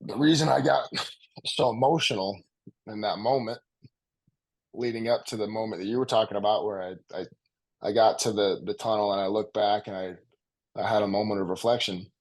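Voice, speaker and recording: A young man who just finished playing college football speaks slowly and earnestly in an interview, holding back emotion and repeating phrases for emphasis. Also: fairly low pitch, fairly even intonation, a little mellow, poor audio. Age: young adult. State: emotional, close to tears. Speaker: college football player guest. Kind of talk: reflective interview conversation.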